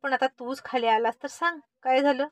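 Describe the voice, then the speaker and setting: A woman reading a calm indulgent father. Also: sits high, normal speed, dry recording, close to an everyday voice. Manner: calm, soothing.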